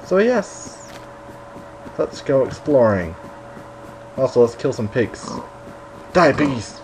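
A man's voice: mid-range voice, very animated, slow pace, mellow, a little hiss or hum, low-quality recording. A man hosting a casual game commentary, chatty and rambling with a self-mocking streak, a little tired late at night. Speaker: gaming video host.

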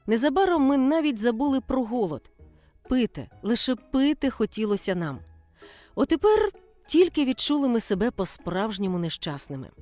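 A woman narrating a children's audiobook in an expressive storytelling manner. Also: fairly high pitch, normal speed, dry recording, faint music behind.

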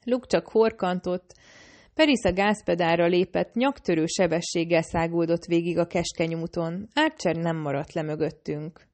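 A woman narrating a novel in the first person, reading in a steady, measured way. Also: lowish voice. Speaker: audiobook narrator.

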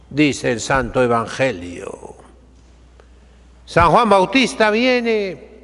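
An older man, a priest, preaching a seated sermon in a chapel, slow and emphatic, with sweeping rises and drops. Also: mid-range voice, a bit bright, long reverb tail. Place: chapel sanctuary, seated by the altar.

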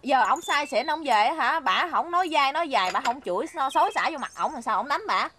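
An actress playing a young unmarried village woman with a Southern Vietnamese accent, gossipy and sharp-tongued. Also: high voice, expressive, a little fast, a little hiss or hum. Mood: gossiping. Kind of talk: rural comedy film acting.

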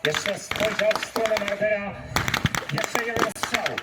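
A man giving grave, theatrical narration at an outdoor battle reenactment, heard over a distant loudspeaker. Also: sits high, very noisy. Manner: grave, theatrical storytelling with pauses. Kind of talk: dramatic scripted narration. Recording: distant echoing PA with loud music.

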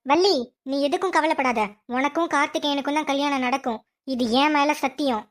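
A woman voicing a fussy, scolding mother in a cartoon, loud with exclamations. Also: high-pitched, fairly even intonation, a little fast, noisy background, lightly acted. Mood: worried.

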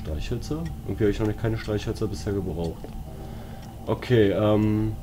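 A let's player with a German accent narrates a horror game at a moderate pace in a lowish voice. His commentary is casual and jumpy, full of exclamations and self-directed remarks, over a noisy backdrop of game music and sounds.

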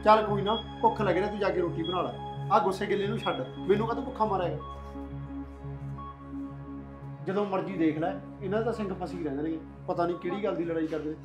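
A man playing an easygoing husband who tries to calm his wife and asks for his meal. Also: high-pitched, fast, long pauses, close to an everyday voice. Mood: placating. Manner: soothing, placating. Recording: echoey room with music.

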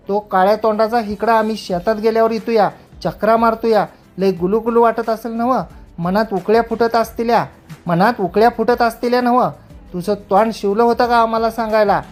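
A woman voicing a furious village mother who scolds her daughter in rough rustic speech. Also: a little high, natural voice. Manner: abusive rustic shouting.

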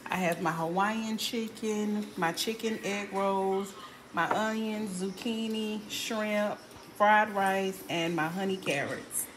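A woman's voice: mid-range voice, steady tone, slow, background noise. A tired woman chatting casually while she cooks and cleans in her home kitchen. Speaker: family vlogger. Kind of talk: casual chat.

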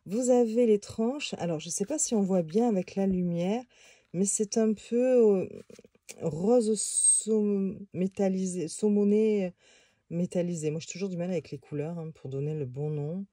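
A woman's voice: mid-range voice, measured pace, dark tone, no echo, clean studio sound. A woman casually reviewing a tarot deck on video, talking in a hesitant way with many fillers and restarts.

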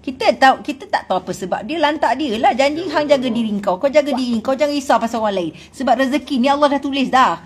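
A woman from Malaysia with a Malaysian Malay accent, scolding her online critics in a blunt, animated casual rant. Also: high voice, fast, few pauses, slightly rough. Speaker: celebrity vlogger.

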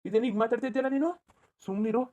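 A woman voicing a young village man in a cartoon who firmly tells his aunt to calm down. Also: on the high side, rapid-fire, muffled recording, natural voice. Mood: reproachful. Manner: firm, reproachful. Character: young village man, the mother's nephew, firm and calming. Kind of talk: cartoon dubbing.

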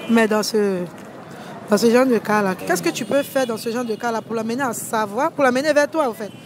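Young woman doing street interviews at night, kinda high voice, lots of traffic noise behind. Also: a little fast. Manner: repeats and restarts her questions. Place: city street at night beside parked cars. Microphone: handheld microphone.

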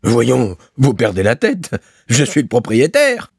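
A man voicing a gruff, coarse male landlord who roars his demands for rent. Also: mid-range voice, animated, slow pace, dry recording, studio quality, pitched above the performer's own voice. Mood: scornful. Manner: roaring, demanding.

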